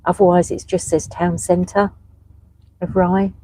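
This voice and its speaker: A woman's voice: on the low side, flat delivery, unhurried, warm tone, low-quality recording. A woman, casually reading out viewer comments and chatting as a passenger, with some hesitation. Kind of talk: casual live stream chat. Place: inside a moving car. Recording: faint car road noise. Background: vehicle noise.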